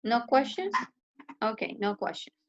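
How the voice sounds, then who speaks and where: A woman's voice: on the high side, sing-song, takes it slowly, slight background noise. A woman with a Chilean Spanish accent, an English teacher explaining grammar patiently in an online class and asking students questions. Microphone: video call. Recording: muffled video call audio.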